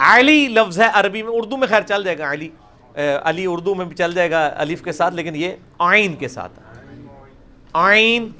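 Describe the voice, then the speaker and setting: High-voiced man drilling sounds. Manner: demonstrates sounds by repeating them slowly and loudly. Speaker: Quran recitation teacher. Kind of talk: online class teaching.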